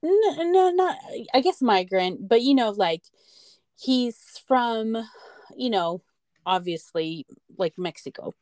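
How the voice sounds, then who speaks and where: A woman's voice: a little high, expressive, takes it slowly, darkish tone, no room sound. An American woman co-hosting a podcast, talking in a rambling, emphatic way and swearing freely. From United States. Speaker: podcast co-host. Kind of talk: casual chat.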